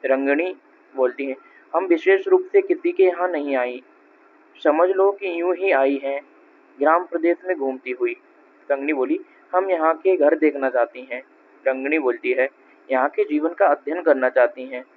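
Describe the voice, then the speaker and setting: Man, play reading, voices all parts himself, fairly high voice, tinny phone-like sound, faint hiss. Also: moderate pace. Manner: reads every character's lines in his own voice, announcing each speaker. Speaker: reader of a play. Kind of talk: reading a stage play aloud with stage directions. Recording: tinny narrow-band recording with faint noise.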